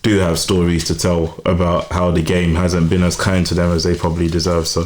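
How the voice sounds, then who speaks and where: Low-voiced host, calm and considered. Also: male voice. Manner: measured, thoughtful questioning. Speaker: podcast host. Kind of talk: casual podcast chat.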